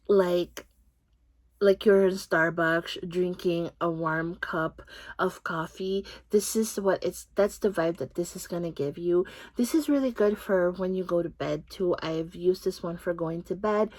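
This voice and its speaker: A woman's voice: medium pitch, darkish tone, no echo. A woman with a Filipino accent, gushing in a chatty way through a casual fragrance review as a vlogger. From Philippines. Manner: chatty, gushing, frequent "like" fillers. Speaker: beauty vlogger.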